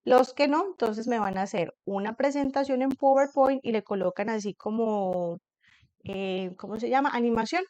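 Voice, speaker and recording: A woman teacher explaining a class assignment to her students in a patient way, reading English example sentences slowly and carefully. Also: a little high, darkish tone, dry recording, low-quality recording. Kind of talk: recorded online class explanation. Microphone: computer screen recording.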